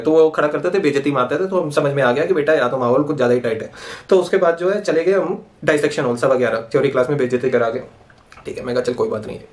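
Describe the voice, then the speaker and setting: A man's voice: medium pitch, a little mellow. A man, telling a casual story full of slang and swearing. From Punjab, India. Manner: rapid, slangy, swears freely. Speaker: vlogger, medical student.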